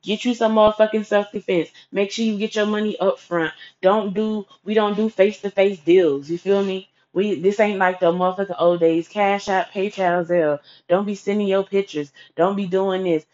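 A woman's voice: mid-range voice, fairly even intonation, moderate pace, few pauses, darkish tone. A woman giving blunt, sassy, profanity-heavy advice in a casual vlog rant. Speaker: advice vlogger. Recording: dull lo-fi recording.

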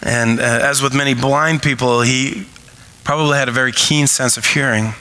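A man preaching a sermon from the pulpit, animated and acting out shouted cries as he retells a story. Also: medium pitch, normal speed, rough recording. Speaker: pastor.

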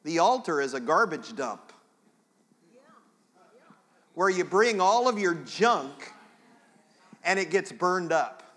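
A man's voice: sits high, sing-song, slow, long pauses, a bit bright, long reverb tail. A man preaching a sermon as pastor, chatting straight to the congregation in a conversational way.

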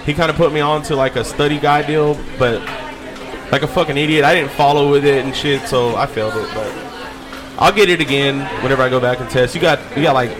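A man's voice: medium pitch, a little fast, a crowd in the background. A man hosting a casual podcast chat, talking in loose slang with plenty of swearing. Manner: slangy, sweary, says "bro" and "man" often. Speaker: podcast host.

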